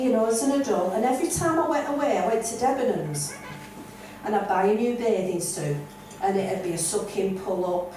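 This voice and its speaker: A woman's voice: on the high side, a little mellow. An older woman from the North West of England with a Lancashire accent, performing a blunt, self-mocking stand-up set. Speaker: stand-up comedian. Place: comedy club stage. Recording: roomy and distant with audience noise.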